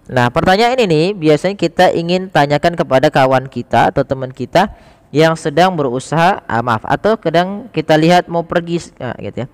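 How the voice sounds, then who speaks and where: A man with a slightly high voice teaches in a relaxed, chatty way, full of little fillers. He says each example phrase slowly and clearly, then repeats it for learners. His voice trails off into a long reverb. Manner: chatty, filler-heavy explanations. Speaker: Arabic teacher. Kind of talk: casual spoken lesson.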